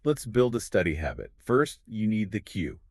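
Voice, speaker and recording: A man's voice: fairly low pitch, very animated, normal speed, darkish tone, dry recording, clean studio sound. A man co-hosting an explanatory podcast, confidently walking through ideas step by step. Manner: confident, explains in clear steps. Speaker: podcast co-host.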